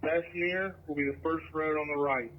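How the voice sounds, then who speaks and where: A man's voice: fairly high pitch, steady tone, moderate pace, slight background noise. A man acting as fire incident commander, giving clipped, businesslike calls over a two-way scanner radio. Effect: heard over a two-way scanner radio. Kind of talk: emergency radio traffic. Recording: muffled scanner radio transmission.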